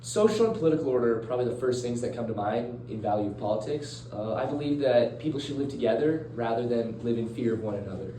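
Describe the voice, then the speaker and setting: A man's voice: mid-range voice, fast, few pauses, dark tone, natural voice. A teenage boy playing a stern, blunt male philosopher in a school role-play interview, reading plainly and earnestly. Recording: roomy, distant mic, faint noise.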